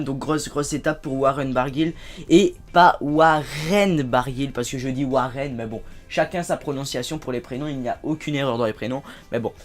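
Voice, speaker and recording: A man hosting a casual let's-play video, chatty and excitable, with sudden loud outbursts between low asides. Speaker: gaming video host.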